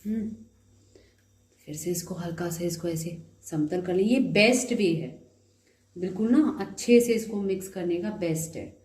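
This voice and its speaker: A cooking video host with a slightly sore throat walks through a home recipe step by step, chatty and friendly, dropping in English words here and there. Her voice is lowish, unhurried and a little mellow, recorded in an echoey room.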